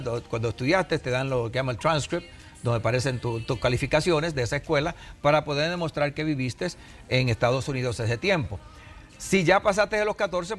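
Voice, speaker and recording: A Puerto Rican man in his sixties, an immigration adviser on a TV interview, explaining patiently with examples. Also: a little high. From Puerto Rico.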